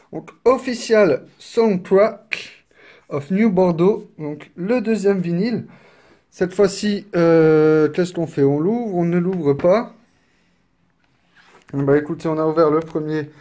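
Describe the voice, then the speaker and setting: A man casually presenting a collector's edition, chatty and apologetic, filling pauses with little interjections. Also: fairly high pitch, mellow. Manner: unhurried, chatty, filler-heavy with frequent "hop" and "donc"; apologetic and self-deprecating. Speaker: unboxing video creator. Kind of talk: casual unboxing commentary. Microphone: camera mic, filming one-handed.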